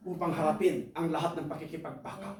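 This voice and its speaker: A man preaching a sermon, emphatic, keeps asking the congregation "right?" and bursts into high shouts. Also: quick pace, a little hiss or hum. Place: church hall. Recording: echoey hall, voice far from the mic.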